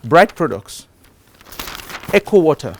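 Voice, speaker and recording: Middle-aged man giving an animated conference talk. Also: a little high, takes it slowly, a little hiss or hum. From Cameroon. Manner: animated, shifts loudness for emphasis. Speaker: conference speaker. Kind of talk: live talk on investing. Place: conference stage before an audience.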